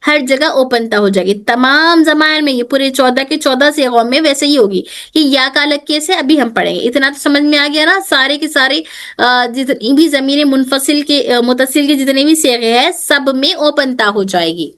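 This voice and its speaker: A woman's voice: high-pitched, moderate pace, a bit bright. Woman teacher, repeating and checking often. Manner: mixes Hindi with English phrases. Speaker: Arabic teacher. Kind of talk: online grammar class.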